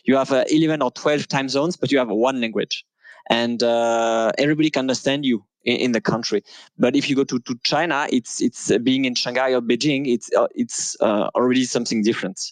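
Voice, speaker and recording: A man with a French accent, a native French speaker, talking as an interview guest in casual conversation, hesitant with many pauses and restarts. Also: medium pitch, steady tone, no room sound, poor audio.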